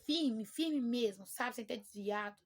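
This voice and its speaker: A woman's voice: fairly high pitch, unhurried. A young Brazilian woman with a Brazilian Portuguese accent, giving an emotional personal faith testimony and repeating words for emphasis.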